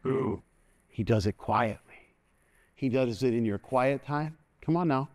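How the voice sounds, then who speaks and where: A middle-aged man preaching a sermon from a church stage, animated and constantly calling for an "amen" from the congregation. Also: mid-range voice, a little slow. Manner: animated, moves about the stage, call-and-response asking "amen". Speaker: pastor. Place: large church stage, indoors.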